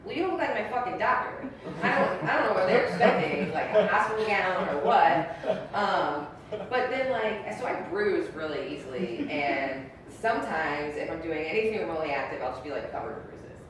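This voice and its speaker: A woman's voice: lively intonation, moderate pace. Brash young woman doing crude stand-up. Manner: blunt, crude and brash, with many ums and likes. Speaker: stand-up comedian. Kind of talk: stand-up set. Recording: echoey room, mic far off, faint rumble.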